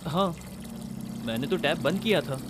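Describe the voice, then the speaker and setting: A man's voice: on the high side, expressive, normal speed, noisy background, close to an everyday voice. A man dubbing a brash, dismissive young student. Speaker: college student. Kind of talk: Hindi film dubbing.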